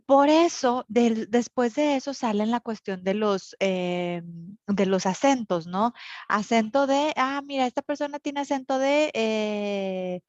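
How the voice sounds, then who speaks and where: A woman's voice: a little high, measured pace, a little mellow, no room sound. A woman teacher from northern Mexico with a Monterrey accent, lecturing an online class and explaining with many fillers and tag questions. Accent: Monterrey Mexican Spanish. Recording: dull, lo-fi recording.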